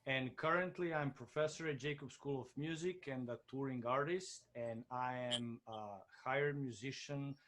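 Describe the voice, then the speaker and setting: A man from Serbia, a bassist and music professor, introducing himself plainly on a video call. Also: moderate pace, few pauses, fairly bright tone. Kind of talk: casual self-introduction.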